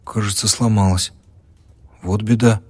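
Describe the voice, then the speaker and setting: A man voicing a calm, polite young student doctor who speaks firmly. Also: lowish voice, a little slow, breathy edge, dry recording, voice pushed up. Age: young adult.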